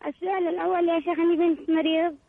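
A teenage girl from Yemen calling in by phone, halting and confused as she tries to explain her questions. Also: very high-pitched, level tone, creaky. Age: teens. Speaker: caller. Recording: tinny phone line.

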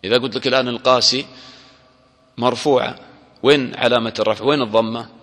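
Guy teaching a class, mid-pitched voice, keeps quizzing the room, long echo off the hall. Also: steady tone, a bit bright. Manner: quizzes listeners with short questions; stretches out quoted example words slowly. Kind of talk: grammar lesson to a class.

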